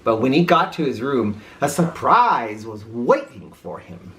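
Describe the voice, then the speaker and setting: Female read-aloud narrator for kids: low pitch, hugely varied intonation, unhurried, theatrical. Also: big pitch swings, fairly bright tone. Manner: theatrical, with informal asides to listeners. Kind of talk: expressive children's story narration.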